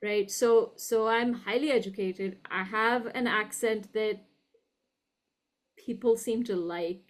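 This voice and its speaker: Speaking in a mid-range voice, this guest professor from a university reflects articulately during an interview in educated upper-class Indian English. She chooses her words deliberately, stresses them emphatically, and often checks in with "right?".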